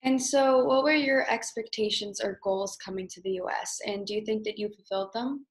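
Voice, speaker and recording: A woman's voice: mid-range voice, fairly even intonation, brisk, rough recording. A woman interviewer asking short, prompting questions.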